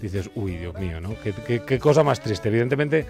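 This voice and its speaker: A man's voice: on the low side, a little fast, faint music behind. A man on a radio panel analyzing short stories eagerly. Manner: animated, analytical. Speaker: radio commentator.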